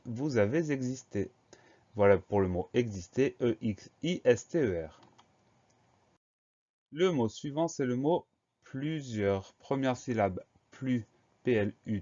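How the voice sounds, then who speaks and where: Low, mellow male spelling teacher. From France. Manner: slow, clear, spells words letter by letter. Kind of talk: step-by-step spelling lesson. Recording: dull lo-fi recording.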